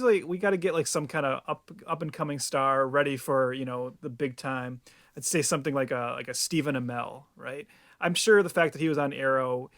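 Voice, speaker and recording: A man's voice: medium pitch, a bit bright, no room sound. Man with a dry close voice, joking. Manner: playful, mock Hollywood-executive banter. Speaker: podcast co-host. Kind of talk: comedic movie pitch.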